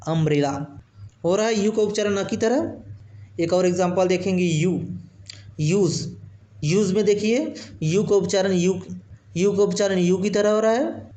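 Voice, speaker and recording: A man's voice: sits high, warm tone. Patient male teacher in an echoey room. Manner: patient, repeats example words slowly. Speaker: English teacher. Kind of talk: alphabet pronunciation lesson.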